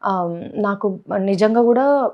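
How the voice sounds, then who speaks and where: This young woman talks slowly in a mid-range voice, bantering playfully in her casual vlog with a Telangana Telugu accent and bits of English. Audio is dull and lo-fi.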